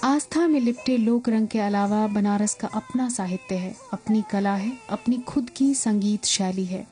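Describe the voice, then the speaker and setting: A woman giving a scripted documentary narration in a measured, poetic way. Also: mid-range voice, dark tone, faint music behind.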